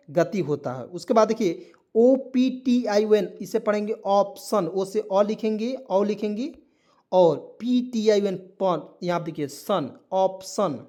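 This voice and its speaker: A man's voice: high-pitched, warm tone. A man teaching a spoken language lesson to viewers, spelling words letter by letter and asking them repeated quiz questions.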